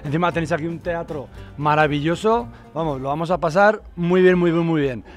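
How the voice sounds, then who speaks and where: Middle-aged Spanish man, slightly high voice. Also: fairly quick, faint music behind. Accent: Spain. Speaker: stage performer. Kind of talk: casual interview. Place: theatre stage. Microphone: handheld close mic.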